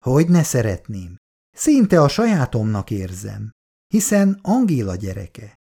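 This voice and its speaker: A man's voice: mid-range voice, huge pitch swings, gravelly, dark tone, full character voice. A reader voicing Laci, a troubled young man unsure about his love, in a storybook reading. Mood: brooding.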